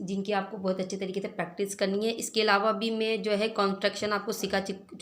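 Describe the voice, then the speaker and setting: Patient woman spelling out English contractions. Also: mid-range voice. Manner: spells words letter by letter, keeps asking "clear?". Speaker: English teacher. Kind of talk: slow spelled-out English lesson.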